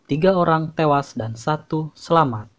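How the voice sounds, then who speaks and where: A man playing a deadpan news reporter, reading a scripted comedy parody of TV news. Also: a little high, normal speed, no room sound, natural voice. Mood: deadpan, formal. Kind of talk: scripted mock news voice-over. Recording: dry, slightly muffled voice-over.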